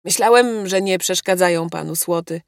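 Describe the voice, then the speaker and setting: A woman's voice: fairly low pitch, moderate pace, vocal fry, no room sound. Cheeky male secretary, read by a woman narrator, lightly raised, bantering, dry sound. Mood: teasing. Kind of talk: audiobook character reading.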